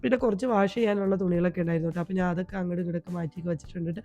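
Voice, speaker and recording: A woman vlogger with a Malayali accent, hoarse from a cold, chatting homely in a voice-over about her day. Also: on the low side, rapid-fire, soft background music. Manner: chatty, homely, tags sentences with a soft "ട്ടോ". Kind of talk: home vlog voice-over. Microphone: voice-over recorded at home.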